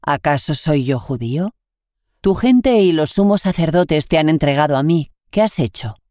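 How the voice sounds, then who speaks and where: A reader with a Spain Spanish accent voicing a stern Roman governor questioning a prisoner in a measured way. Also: medium pitch, expressive, dark tone, no echo, studio quality, close to an everyday voice.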